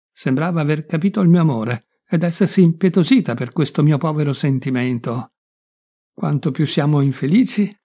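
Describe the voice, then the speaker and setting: A man gives a first-person literary reading with a warm, mellow tone. He takes his time, leaning into phrases with quiet emotion. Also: a little high, husky. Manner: measured, emotive, lingering on phrases. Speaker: audiobook reader.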